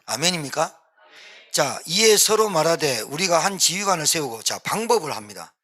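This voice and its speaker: A man's voice: on the high side, very animated, moderate pace, bright, forceful tone. A male pastor preaching a sermon emphatically, repeating his points for stress and acting out pleading quotes.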